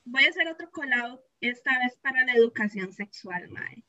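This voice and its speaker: A woman's voice: on the high side, expressive, moderate pace, bright, forceful tone, no room sound, dull audio. A Costa Rican woman co-hosting a casual podcast chat, emphatic, dropping English phrases into her Spanish in Spanglish. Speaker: podcast co-host.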